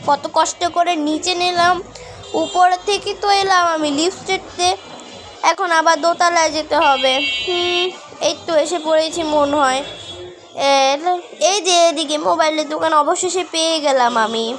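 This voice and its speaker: A woman's voice: very high-pitched, moderate pace, fairly bright tone, soft background music. A woman acting in a home-made comedy skit as a fussy, complaining customer who repeats her words. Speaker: vlogger acting a shopping skit.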